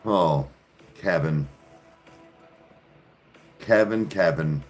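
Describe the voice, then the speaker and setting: A man's voice: deep voice, extremely slow, soft background music. A man hosting a podcast, ranting sarcastically in casual chat with plenty of profanity. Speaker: podcast host. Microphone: studio podcast mic.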